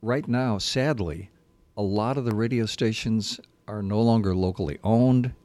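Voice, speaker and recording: A man's voice: lowish voice, moderate pace, darkish tone. An older man, a veteran broadcaster, speaking conversationally as a guest in a radio interview.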